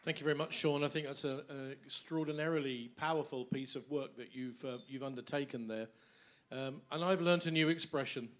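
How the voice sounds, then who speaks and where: A man's voice: medium pitch, brisk, fairly bright tone, some chatter behind. A man with an English accent moderating a conference session, chatty and effusive with many restarts. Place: conference hall.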